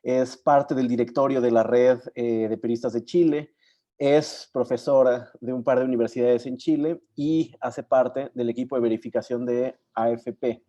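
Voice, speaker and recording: Man, session moderator, courteous, hesitant, mellow tone, video call. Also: mid-range voice, steady tone, moderate pace, lo-fi sound. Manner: courteous, hesitant, introduces people. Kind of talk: hosting an online learning session.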